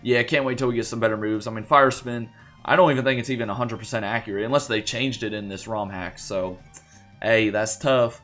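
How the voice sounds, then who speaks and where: A man's voice: medium pitch, fairly even intonation, fast, fairly bright tone. A young man hosting a gaming channel, chatting loosely through a let's play in a groggy morning voice, rambling with lots of fillers and restarts. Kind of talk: casual let's play commentary. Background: faint game music.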